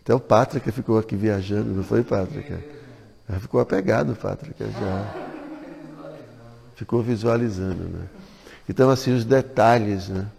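A man's voice: on the low side, normal speed, creaky, pauses often, darkish tone. A man teaching a scripture class, retelling stories in a chatty way full of tag questions, in an ecovillage temple hall. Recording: long hall reverb.

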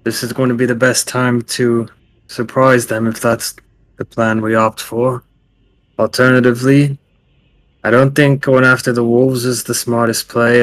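A man playing a tabletop game, calmly laying out tactical options. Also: medium pitch, dry recording. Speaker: player. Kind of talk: tabletop game chat over a call.

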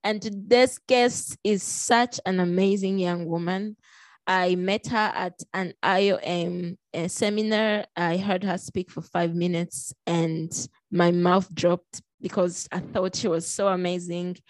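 Congo-born woman hosting a chill podcast, chatty, bouncy pitch, dry close sound. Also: measured pace, dry recording. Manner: lively, expressive, often jumps up in pitch; chatty with small restarts and fillers. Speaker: podcast host. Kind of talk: casual podcast interview.

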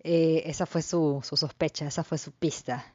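A woman's voice: sits low, steady tone, normal speed, dry recording, muffled recording. A woman hosting a casual chat who also narrates a recap and reacts expressively. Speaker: host.

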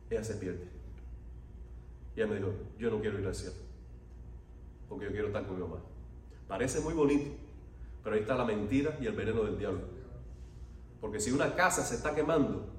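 A pastor preaching a sermon, telling stories with animation and asking the congregation questions. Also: male voice, mid-range voice. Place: church hall. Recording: echoey hall from far off, faint noise.

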